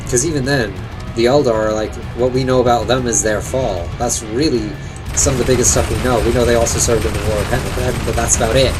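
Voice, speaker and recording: A man streaming a video game, rambling casually about its lore and thinking aloud, now and then swearing. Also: mid-range voice. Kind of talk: casual gameplay commentary. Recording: streamed over game music.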